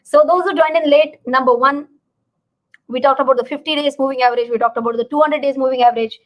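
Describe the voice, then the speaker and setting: A woman with an Indian accent hosts a live market explainer as a finance educator, talking fast in a high voice with a steady tone. Like an informal teacher, she repeats words for emphasis and checks that listeners are following.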